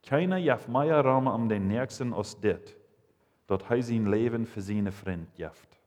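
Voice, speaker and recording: A man reading Bible passages and commenting, halting and restarting as he goes. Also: medium pitch, darkish tone. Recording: long reverb, hall.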